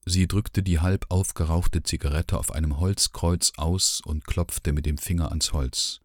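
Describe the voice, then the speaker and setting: A man narrating a literary audiobook in a measured, sombre first-person voice. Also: deep voice, fairly even intonation, no echo, clean studio sound.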